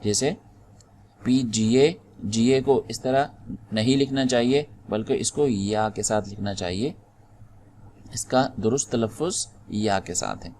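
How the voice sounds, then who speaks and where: A man's voice: lowish voice, darkish tone, slight background noise. A man teaching typing in a screen-recorded tutorial, patiently explaining step by step and spelling out the keys one at a time. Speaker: typing instructor.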